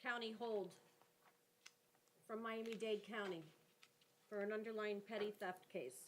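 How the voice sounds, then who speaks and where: A woman's voice: mid-range voice, fairly even intonation, a little slow. A woman judge speaking in a formal, businesslike way as she runs a court hearing. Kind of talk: procedural courtroom speech, reading charges and rulings. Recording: noisy courtroom with clicks.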